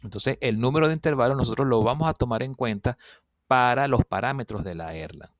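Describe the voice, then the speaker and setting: A man's voice: mid-range voice, brisk, no room sound. A man teaching statistics, patiently walking through solved problems and checking that students follow. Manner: patient, checks understanding with "¿ok?" and "fíjense".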